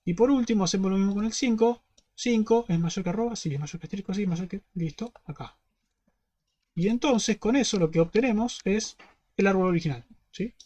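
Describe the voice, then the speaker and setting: A man's voice: high voice, fairly quick, a little mellow. A man with a Rioplatense Spanish accent teaching an online class. He explains step by step and keeps checking that students follow. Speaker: university teaching assistant.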